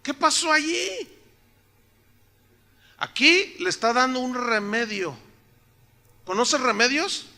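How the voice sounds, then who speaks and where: Pastor preaching, jokey and conversational with the congregation; high, very bright voice. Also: male voice, lively intonation, takes it slowly, long pauses. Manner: joking, asks the congregation rhetorical questions. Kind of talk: sermon. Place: church, in front of a congregation.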